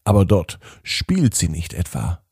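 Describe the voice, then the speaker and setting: Mellow, husky man telling children's bedtime stories. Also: deep voice, wildly swooping pitch, a little slow, dry recording, studio quality. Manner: addresses young listeners directly, simple explanatory phrasing. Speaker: podcast host and bedtime storyteller. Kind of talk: children's bedtime story narration.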